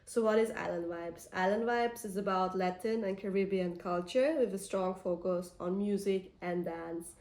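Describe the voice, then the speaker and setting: A woman's voice: mid-range voice, moderate pace, few pauses, a little mellow, echoey room. A young woman from Austria, introducing her vlog channel in an earnest, enthusiastic way. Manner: earnest, enthusiastic, list-like delivery. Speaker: content creator.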